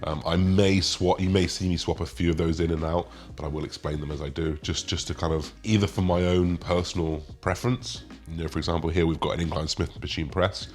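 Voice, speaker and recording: A man's voice: sits low, fairly even intonation, a little fast, hardly any pauses. A man with a slight lisp and slushy s sounds, hosting a video and explaining things casually to his viewers. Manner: lisp with slushy s sounds from new dental retainers. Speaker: host, men's physique bodybuilder.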